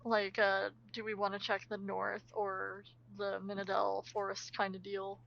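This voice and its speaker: Bright, gravelly female player. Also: medium pitch, monotone, measured pace, dull audio. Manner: chatty, filler-heavy, giggly. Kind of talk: casual chat in a tabletop game.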